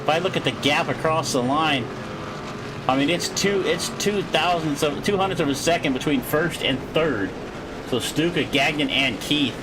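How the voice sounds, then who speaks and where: A man doing live play-by-play race commentary, excited and full of quick restarts, sounding worn and a little out of breath. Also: on the high side, background noise. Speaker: sim racing commentator.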